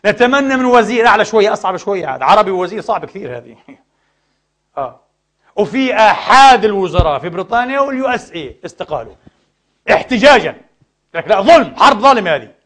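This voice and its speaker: A man preaching a sermon lesson, addressing the brothers with rhetorical questions and swinging between loud outbursts and quiet asides. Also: sits high, big pitch swings, fast talker. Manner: impassioned, rhetorical questions to the audience.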